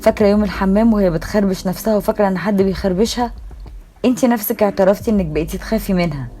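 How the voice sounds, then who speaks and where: A woman's voice: medium pitch, rapid-fire, mellow, soft background music, voice pushed up, natural voice. A woman with an Egyptian accent voicing a jealous, controlling young man who argues in a raised, agitated voice. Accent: Egyptian Arabic.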